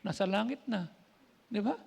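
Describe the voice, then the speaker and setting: High, gravelly Filipino preacher. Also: male voice, normal speed, darkish tone. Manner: conversational storytelling, switching between languages and acting out voices. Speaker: pastor. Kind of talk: sermon. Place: church.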